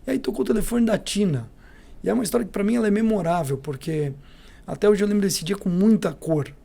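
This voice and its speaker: A middle-aged Brazilian man with a Brazilian Portuguese accent, a company CEO telling lively anecdotes as a podcast guest, acting out the dialogue. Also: high voice, fast talker, gravelly. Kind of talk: storytelling in a podcast interview.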